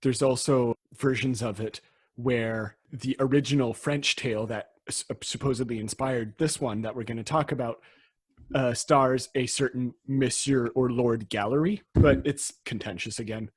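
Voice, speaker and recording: A man's voice: medium pitch, normal speed, slightly rough. A Canadian man co-hosting a podcast in casual conversation, laughing often and restarting his sentences. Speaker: podcast co-host.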